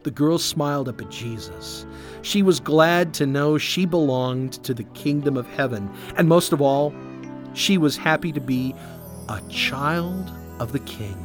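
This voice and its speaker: A man narrating a children's story and then speaking directly to young listeners, with an animated storybook delivery. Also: a little high, measured pace, soft background music. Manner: animated, warm storybook reading. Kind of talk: scripted narration for kids.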